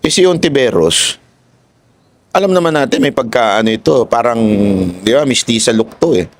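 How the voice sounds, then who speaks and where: A man's voice: medium pitch, animated, normal speed. A man with a Filipino accent giving casual political commentary, heated and mocking, swearing now and then and switching into English.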